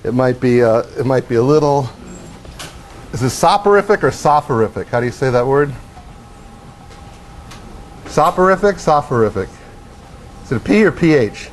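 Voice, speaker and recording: A middle-aged man giving a university lecture in a lecture hall, animated as he acts out motion and tosses wry questions to the class. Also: mid-range voice, brisk, a little hiss or hum. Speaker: professor.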